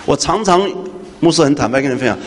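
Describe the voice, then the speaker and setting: A man's voice: medium pitch, fast, husky. Man preaching in an echoey hall. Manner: animated preaching that moves from hushed to loud and questions the congregation. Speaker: pastor. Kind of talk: sermon. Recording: echoey hall with faint noise.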